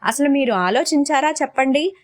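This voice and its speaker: A woman voicing a mocking, sharp-tongued village woman who teases with laughing scorn in a read-aloud story. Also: high voice, lively intonation, moderate pace, pitched above the performer's own voice.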